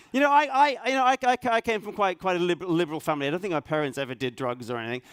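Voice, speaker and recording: A middle-aged man, raised in Norway, speaking at a conference, halting and self-deprecating, full of restarts and fillers. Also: high-pitched, a bit bright, clean tone, no room sound. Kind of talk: hesitant conference talk. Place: conference hall stage.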